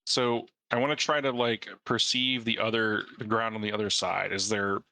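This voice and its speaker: Low, bright-toned man playing tabletop. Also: level tone, moderate pace, vocal fry. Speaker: player. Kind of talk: casual tabletop chat.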